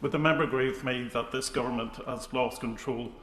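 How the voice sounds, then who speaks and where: Male MP, parliament speech intervention, flat intonation, roomy echo. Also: medium pitch, brisk. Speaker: member of parliament. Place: large parliamentary debating chamber. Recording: echoey large chamber, background noise.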